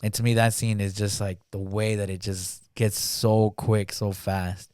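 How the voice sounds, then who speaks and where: A man chatting as a podcast guest in a fairly low, mellow voice, recorded dry and close. He talks in a halting, filler-heavy way. He keeps slipping into acted-out lines as he retells a film. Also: level tone, clean tone, no echo. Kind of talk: casual podcast chat. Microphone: studio podcast mic.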